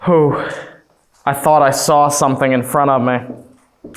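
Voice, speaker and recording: Guy on a ghost hunt talking slow and spooked, calling out what he hears. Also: mid-range voice, little pitch movement. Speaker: paranormal investigator. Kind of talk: reacting during a ghost hunt.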